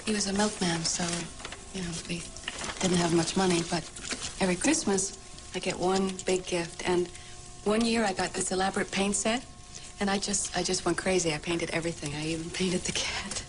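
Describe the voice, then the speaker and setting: An actress playing a wistful, caring mother in a naturalistic TV movie, with a soft, hesitant manner. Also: lowish voice, steady tone, normal speed, background noise, close to an everyday voice. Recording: music behind dialogue.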